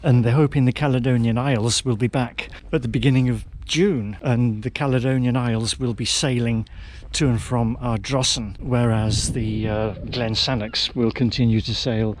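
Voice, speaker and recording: A man presents a travel vlog with dry, understated opinions. He talks casually at an average pitch, and noticeable noise, including vehicle sounds, runs behind his voice. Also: steady tone, moderate pace, hardly any pauses. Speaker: vlogger presenting a travel film.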